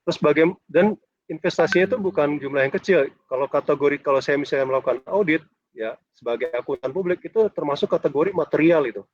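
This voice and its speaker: Male lecturer, fairly high voice, dull lo-fi sound over a bad video-call connection, chatty, teaching an online class. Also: fast talker. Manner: chatty, ends phrases with a questioning "ya". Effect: dull, choppy video-call connection. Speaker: university lecturer.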